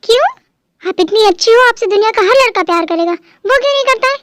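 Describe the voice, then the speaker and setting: A high-voiced performer voicing an earnest, gentle young man who is a husband and brother, in a fan dub drama, speaking softly and coaxingly. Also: lively intonation, fast talker, no echo, studio quality. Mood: pleading.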